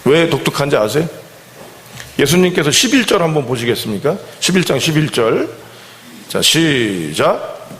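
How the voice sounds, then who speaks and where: A man's voice: on the high side, sing-song, moderate pace, fairly bright tone, a little hiss or hum. A male pastor preaching a sermon in a conversational way, often putting questions to the congregation. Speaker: senior pastor. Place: church sanctuary. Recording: long church hall reverb.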